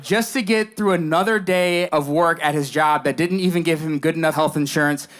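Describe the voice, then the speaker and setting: Young man, stand-up comedy, deadpan storyteller, slightly high voice, smooth clear tone, live show. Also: fairly quick. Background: audience laughter between lines.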